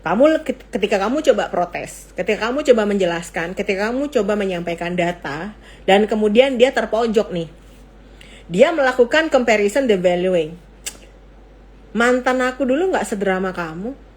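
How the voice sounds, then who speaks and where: A middle-aged woman psychiatrist hosting a casual live talk, playful and quick to laugh, swinging between excited high bursts and low asides. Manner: playful, laughs often, jokes in mock foreign gibberish. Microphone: phone or laptop mic for an Instagram live.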